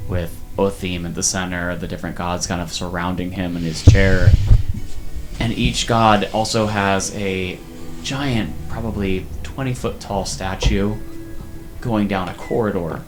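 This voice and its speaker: A man narrating a tabletop game as game master, describing scenes in a halting, descriptive way. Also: deep voice.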